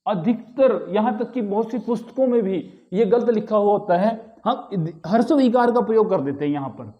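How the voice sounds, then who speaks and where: A man's voice: high voice, lively intonation, normal speed, highs cut off. A man teaching a grammar lesson, patiently repeating key words and asking the class rhetorical questions. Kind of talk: explanatory lesson.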